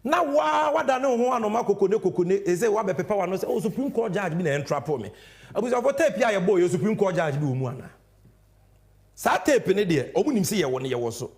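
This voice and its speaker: A Ghanaian man delivers fiery political commentary in a high voice. His pitch leaps around constantly. He hammers his points hard, then drops into hushed asides. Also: fast. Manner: animated, emphatic, swings between loud and hushed. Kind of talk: impassioned political commentary mixing English and Twi.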